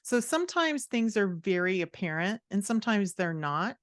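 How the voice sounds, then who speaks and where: A woman with a medium-pitched voice and big pitch swings speaks at a normal pace as a guest writing coach on a podcast, sharing conversational advice. She's encouraging and reflective as she explains her ideas, in a dry, studio-quality recording.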